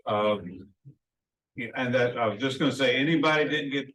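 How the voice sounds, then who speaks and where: Man hosting, mid-pitched voice. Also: normal speed, fairly bright tone, low-quality recording. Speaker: meeting host. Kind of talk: informal hosting and announcements. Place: meeting room.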